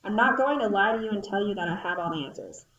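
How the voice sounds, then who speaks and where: A woman's voice: medium pitch, expressive, fast talker, a bit bright, reverberant, muffled recording, a little hiss or hum, close to an everyday voice. A woman voicing a determined female worker bee who leads her colony in an amateur audio drama. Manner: resolute, rallying.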